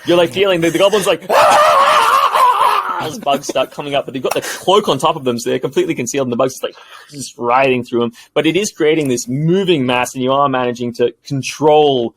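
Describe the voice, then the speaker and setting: A man narrating a tabletop game as game master, in a lively, animated way. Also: mid-range voice, fast talker, a little hiss or hum, rough recording.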